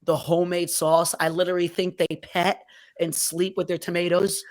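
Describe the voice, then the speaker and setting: A man's voice: high-pitched, level tone, normal speed. Rambling New man, playful. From New Jersey. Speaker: podcast guest. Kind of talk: casual chat.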